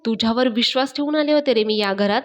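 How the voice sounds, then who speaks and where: Betrayed young woman, bitter and reproachful, bright and fairly high, read by a woman. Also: fast, lightly acted.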